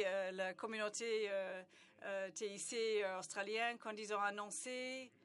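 A woman with a mid-range, slightly bright voice does live simultaneous interpretation of a conference speech. Her delivery is halting, with frequent hesitations filled by stalling sounds, and she restarts phrases mid-word before carrying on.

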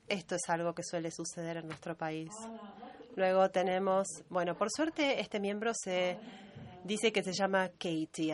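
Low-voiced woman interpreting a meeting. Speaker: conference interpreter.

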